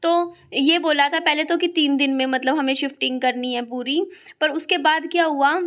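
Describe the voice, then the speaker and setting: Chatty high-voiced woman with sore throat. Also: fairly even intonation, fairly bright tone. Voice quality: high-pitched voice. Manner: chatty, full of fillers, talks fast. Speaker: family vlogger. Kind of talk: casual vlog chat to viewers.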